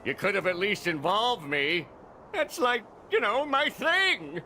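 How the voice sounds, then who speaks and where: Plankton, a forceful, irritable tiny villain. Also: male voice, high voice, big pitch swings, slow, a little hiss or hum, full character voice. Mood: indignant, furious. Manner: indignant, scolding, pompous. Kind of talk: cartoon video game acting.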